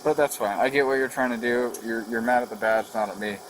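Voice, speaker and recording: Noisy body-camera audio captures a man, a police officer, issuing firm, procedural instructions at a traffic stop by a vehicle on the roadside. He talks fast in a mid-range voice.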